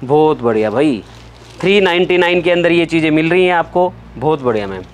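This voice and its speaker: A man's voice: on the high side, expressive, brisk. Upbeat man raving over clothes. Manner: upbeat, keeps praising and repeating "very nice". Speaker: vlog host touring a wholesale shop. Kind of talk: enthusiastic product walkthrough. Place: clothing warehouse, indoors.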